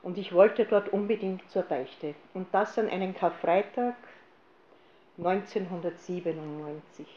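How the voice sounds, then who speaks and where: A woman with an Austrian German accent gives a personal faith testimony to an audience, telling her story in a lively way and acting out what she once said. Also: mid-range voice, moderate pace, hardly any pauses, roomy sound, muffled recording, slight background noise. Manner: lively storyteller who acts out her own past lines. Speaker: speaker giving a testimony.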